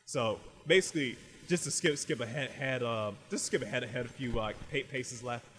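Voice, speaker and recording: A man's voice: mid-range voice, brisk, a bit bright. A man hosting a casual podcast, rambling through a recap with "like" in nearly every phrase and frequent restarts. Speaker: podcast host reviewing anime.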